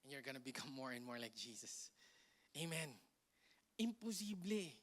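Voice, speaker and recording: Man, Filipino accent, sermon, bright forceful tone, playful, switches between loud and hushed. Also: medium pitch, big pitch swings, a little slow. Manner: playful, jokes with the congregation and laughs; swings between loud emphasis and soft asides. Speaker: preacher. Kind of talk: lively sermon mixing Tagalog and English. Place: church hall.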